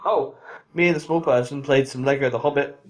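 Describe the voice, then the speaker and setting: A man co-hosting a podcast, chatting casually in a rambling, animated, self-mocking way. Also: medium pitch, brisk, poor audio. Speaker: podcast co-host. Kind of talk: casual chat.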